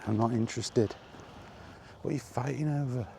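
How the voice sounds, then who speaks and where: A vlogger with a gravelly, dark-toned, mid-range voice talks at normal speed while walking, ambient noise and a bit of hiss or hum in the background. He rambles in a freewheeling, weary, grumbling manner.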